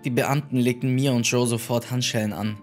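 A man narrating horror stories in a measured, scripted storytelling manner. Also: mid-range voice, steady tone, faint music behind.

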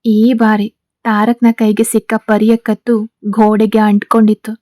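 A woman reading a serialized story in a steady, even way. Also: mid-range voice, measured pace, dry recording.

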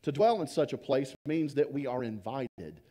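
A man preaching a sermon in a dark, mellow voice, weaving in stories. He lets his key words sink low and quiet for emphasis, at an ordinary pitch for a man. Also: expressive, moderate pace. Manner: storytelling, trailing off softly for emphasis. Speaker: pastor.

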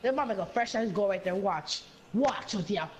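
Lively woman teasing, noisy background. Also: medium pitch, normal speed. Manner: playful, mocking, laughing often. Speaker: gamer. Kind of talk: casual gameplay banter.

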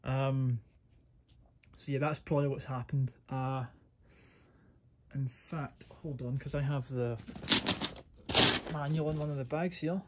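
A man's voice: mid-range voice, steady tone, unhurried, long pauses, background noise. Man doing a rambling gear review. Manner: informal, rambling, self-correcting. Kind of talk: casual hands-on product review.

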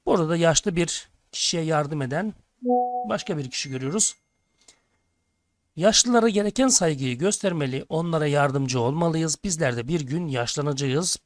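A man's voice: on the high side, no room sound, studio quality. A male teacher working through textbook exercises for sixth graders, reading each question aloud and answering it. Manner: addresses pupils as friends, reads questions aloud then answers. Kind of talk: textbook lesson walkthrough.

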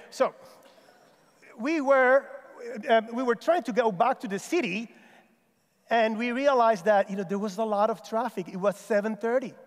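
A middle-aged man from Puerto Rico with a Puerto Rican accent, giving an animated chapel talk with stories and self-deprecating humor. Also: very high-pitched. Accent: Puerto Rican Spanish. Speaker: chapel speaker. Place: large stage in an auditorium. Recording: long hall reverb.

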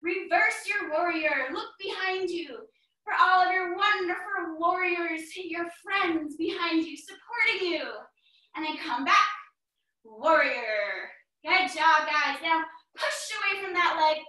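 Bright, high-voiced woman leading kids' yoga. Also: slow pace. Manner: upbeat, encouraging, sing-song cues. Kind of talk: guiding a children's yoga class. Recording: echoey room, voice from far off.

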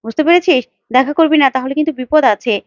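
A woman's voice: sits high, quick pace, no room sound, dull audio, close to an everyday voice. A woman voicing a bold, defiant young woman who scolds and threatens bluntly. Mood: threatening.

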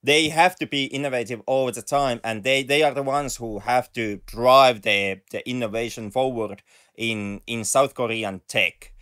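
A man's voice: mid-range voice, normal speed, fairly bright tone, clean tone. A man co-hosting a film podcast, reasoning carefully and politely in casual discussion. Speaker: podcast co-host.

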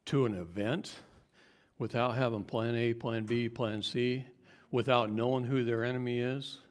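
A man speaking at a seminar in a mid-range voice, animated and joking with the room. When he gets worked up, his voice climbs noticeably higher. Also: measured pace. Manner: animated, jokey, voice rises high when worked up. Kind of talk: live seminar talk.

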